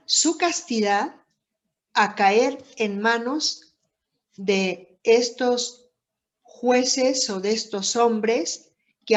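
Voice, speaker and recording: A woman giving a reflective Bible lesson, speaking deliberately with many pauses and rhetorical questions. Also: fairly high pitch. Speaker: Bible teacher. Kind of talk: slow, reflective Bible teaching. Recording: dull lo-fi recording.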